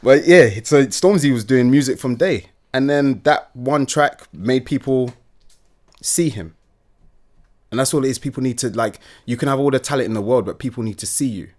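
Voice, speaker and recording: A man's voice: mid-range voice, normal speed, darkish tone. A young man from the UK, a guest chatting casually and animatedly, often laughing. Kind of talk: casual interview chat.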